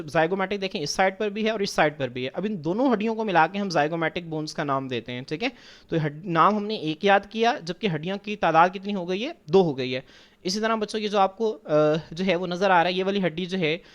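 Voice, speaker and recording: A man teaching biology over slides, patiently repeating points, asking and answering his own questions, and mixing in English terms. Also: high voice. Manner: patient, repeats points, addresses students as children; mixes English science terms into speech. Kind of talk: classroom lecture over slides.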